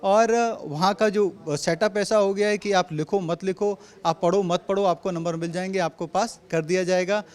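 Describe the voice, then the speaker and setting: A man with a notably high voice and a Delhi Hindi accent, speaking as a party spokesperson in an interview. He answers forcefully and drives each argument home with repeated rhetorical phrases. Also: steady tone, moderate pace, hardly any pauses. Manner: assertive, repetitive rhetorical points.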